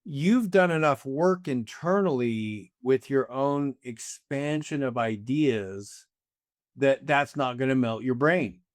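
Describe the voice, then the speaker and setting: A man's voice: mid-range voice, takes it slowly, no echo. Reflective older man, dry close sound. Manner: reflective, musing, casually profane. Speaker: guest. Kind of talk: casual conversation.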